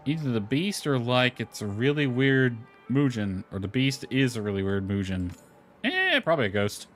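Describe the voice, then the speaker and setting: This gamer narrates his own playthrough in a very animated mid-range voice, reading lines aloud with casual asides at a moderate pace. His tone is fairly bright, and lo-fi music runs in the background.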